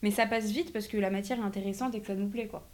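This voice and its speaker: A teenage girl, a high school student, answering interview questions casually, hesitating often between clauses. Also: fairly even intonation, fast, darkish tone. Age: teens. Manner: hesitant, chains clauses with fillers.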